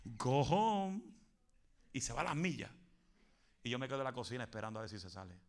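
A man preaching a fervent Pentecostal sermon, building to shouts and dropping in English phrases. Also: mid-range voice, lively intonation, rapid-fire, creaky, a little hiss or hum.

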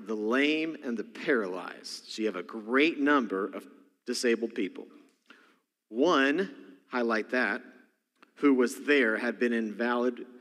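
A senior pastor with a Texas accent preaches a sermon in a church sanctuary, telling folksy, jokey stories full of asides. His voice is medium-pitched and a bit bright, and the recording carries long church hall reverb.

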